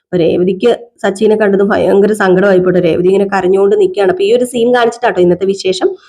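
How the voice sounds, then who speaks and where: A woman's voice: mid-range voice, fairly even intonation, quick pace, dark tone. A woman hosting a casual TV serial recap, chatty and storytelling. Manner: chatty, storytelling with friendly tag words.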